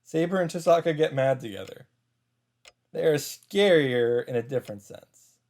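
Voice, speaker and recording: Over game music, a commentator narrates a visual novel and chimes in with reactions. Their mid-range, darkish voice has lively intonation and moves at a normal speed.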